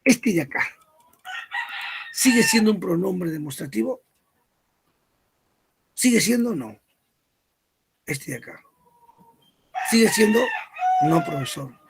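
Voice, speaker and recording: A man's voice: sits high, lively intonation, takes it slowly, vocal fry, pauses often, background noise. A man teaching a grammar lesson, who asks questions, answers them himself and repeats word lists.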